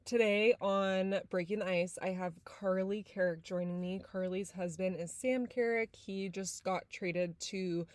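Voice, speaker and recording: Speaking at a measured pace with hardly any pauses, a San Diego woman hosts a casual podcast intro and chat in a medium-pitched, slightly mellow voice with fairly even intonation. She's chatty and full of fillers like "like", sounding a little nasal and congested. The recording is dry.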